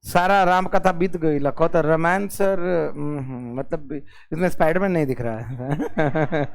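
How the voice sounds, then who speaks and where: High-voiced physics teacher. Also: male voice, gravelly. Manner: drills the class with repeated "yes or no?" checks; dictates definitions slowly, word by word. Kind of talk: classroom lecture. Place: classroom.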